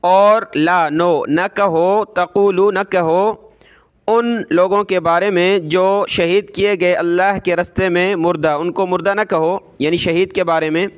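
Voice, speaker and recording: A man teaching Quran recitation, spelling out letters and vowel marks, then chanting each verse slowly. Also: sits high, fairly even intonation, clear, resonant tone. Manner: slow drawn-out chanting of verses.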